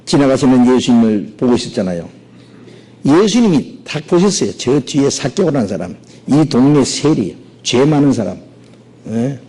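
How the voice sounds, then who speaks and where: A male pastor preaching a sermon, animated and often checking in with his listeners through quick rhetorical asides. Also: medium pitch, husky, poor audio. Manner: animated, peppers talk with rhetorical "예?".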